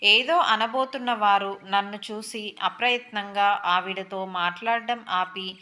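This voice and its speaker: Bright-voiced woman narrating a story. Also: mid-range voice, a little slow. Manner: expressive, dramatic. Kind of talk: first-person story narration.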